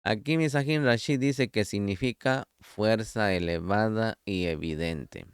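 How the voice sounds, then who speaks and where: Slow, crisp-voiced male preacher. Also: on the low side, no room sound, studio quality. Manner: slow, deliberate teaching with scripture quotes; addresses listener directly as beloved. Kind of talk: Torah study sermon.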